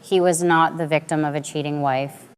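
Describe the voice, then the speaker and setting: A woman in her late twenties giving a measured, dramatic first-person story narration. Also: sits low, steady tone, smooth. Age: late 20s.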